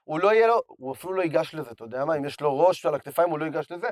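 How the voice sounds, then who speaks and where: A hoarse man talking with animated enthusiasm in a casual chat. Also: fairly high pitch, dry recording, studio quality.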